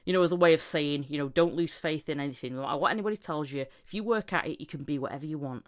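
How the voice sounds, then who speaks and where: Speaking very fast in a low-pitched voice, this thirty-something voice actor is a guest on a podcast. She tells stories openly and casually, performing the quoted lines as she goes.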